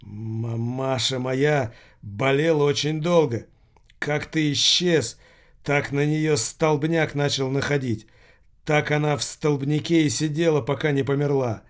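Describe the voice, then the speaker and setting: A man's voice: on the high side, close to an everyday voice. A man voicing an irritated man who bluffs his way through a tense dinner. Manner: irritated, insistent.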